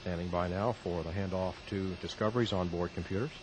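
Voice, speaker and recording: A man giving hushed space launch commentary in a measured, terse, matter-of-fact way. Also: sits low, steady tone. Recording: clearly noisy old broadcast audio.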